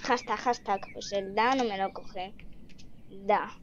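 A woman, commentating her gameplay in an excitable way and often shrieking or laughing. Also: medium pitch, unhurried, lo-fi sound, a little hiss or hum. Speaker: gaming streamer.

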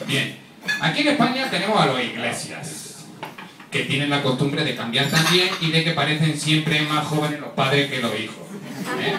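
A man from doing a stand-up comedy monologue, teasing the audience with constant tag questions. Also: a little high. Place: comedy stage with a live audience. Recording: roomy, distant mic, audience laughter.

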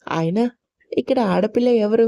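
A woman's voice: mid-range voice, moderate pace, dark tone, lightly acted. A woman voicing a feisty young female employee who talks back to her boss in an audio story. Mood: defiant. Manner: defiant, quarrelsome.

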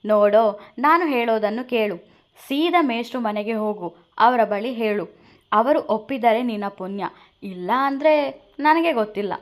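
A woman's voice: fairly high pitch, normal speed, long pauses, natural voice. Woman voicing a breezy, bossy young friend. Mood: offhand. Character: young man, teasing, bossy best friend.

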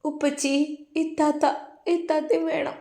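A tearful little girl voiced by a woman pleads in a soft, high voice. Her small words carry a gentle room echo, as in a spoken storybook. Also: level tone, a little slow, gravelly. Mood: pleading. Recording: roomy echo.

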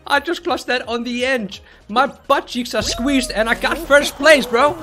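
A man's voice: very high-pitched, unhurried, pushed and bright. A man hosting a gaming session, chatting casually, laughing often and trash-talking other players. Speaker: gaming channel host.

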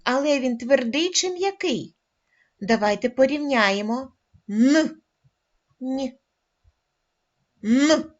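Slow, gentle woman teaching first graders. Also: on the high side. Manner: slow and deliberate, drawing out sounds for children. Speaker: primary school teacher. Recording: dull lo-fi recording.

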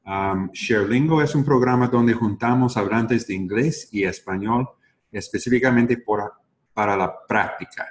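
Slow-speaking man in learner's Spanish. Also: lowish voice. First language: English. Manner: careful, unhurried learner's Spanish with many fillers. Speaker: host, founder of the language program. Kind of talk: video call seminar talk. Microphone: webcam on a video call.

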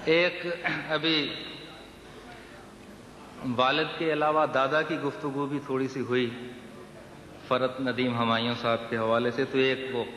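A man reciting humorous poetry at a poetry gathering, repeating each verse slowly, at times half-singing. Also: mid-range voice, level tone, fairly bright tone. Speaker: poet. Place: stage of a large hall with a live audience. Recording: echoey hall, slight noise, live event.

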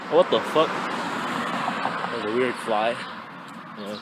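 A vlogger in his twenties rambles to his phone held at arm's length as he walks residential streets outdoors, slangy and swearing. His voice is lowish and he takes his time, captured on a noisy handheld phone recording.

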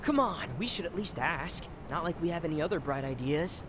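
A man's voice: on the high side, expressive, a little fast, very noisy, close to an everyday voice. An actor playing an earnest, eager young man in a video game dub. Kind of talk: English game dub acting.

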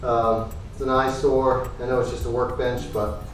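A man in his thirties casually explaining his woodworking build in a home garage workshop, halting with many ums and uhs. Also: mid-range voice, fairly even intonation. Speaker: woodworking vlogger. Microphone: far camera. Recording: echoey garage, voice from far off, music behind.

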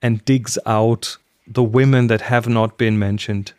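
Co-hosting a relaxed podcast conversation via video call, this middle-aged German man, a native German speaker, sits indoors in a small room at home. Using a close podcast mic with a headset, he speaks at a measured pace in a lowish, steady voice, with no echo.

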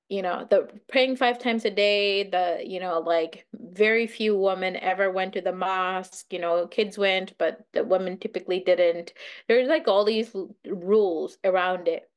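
A woman's voice: mid-range voice, fairly even intonation, moderate pace, smooth. A woman from Bangladesh sharing her thoughts in a casual book club discussion over a video call. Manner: thoughtful, conversational with filler words.

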